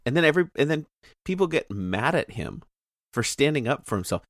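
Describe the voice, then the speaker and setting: A man's voice: medium pitch, very animated, a little fast, no echo, clean studio sound. A man co-hosting a casual movie discussion, talking in rambling, self-interrupting bursts. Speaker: podcast co-host.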